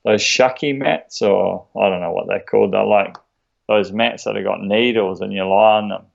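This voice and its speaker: A low-voiced man with a broad Kiwi accent, creaky at the edges. He chats casually and haltingly as a podcast guest, slangy and laid-back, through slightly dull, lo-fi audio. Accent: broad New Zealand. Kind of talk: casual chat.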